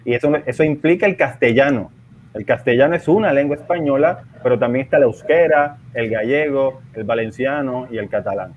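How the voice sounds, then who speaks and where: Puerto rican guy on a call, explains things calmly, laughs a bit, sounds tinny like a phone line. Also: mid-range voice, a little hiss or hum. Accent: Puerto Rican Spanish, partly softened by living in Spain. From Puerto Rico. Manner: explanatory, measured, chuckles often. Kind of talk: casual conversation.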